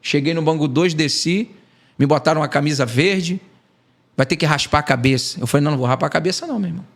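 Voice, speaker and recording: A man's voice: a little high, fast talker, vocal fry. A man from Brazil, an evangelist giving an emotional testimony on a podcast and acting out the dialogue. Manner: animated storytelling, acting out quoted dialogue. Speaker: evangelist guest.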